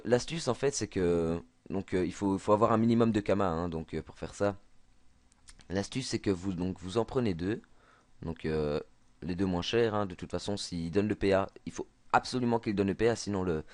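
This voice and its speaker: A man's voice: low voice, darkish tone, no echo. A man with a Belgian French accent explaining a game trick over a screen recording, hesitant with many fillers and restarts. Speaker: gaming tutorial maker.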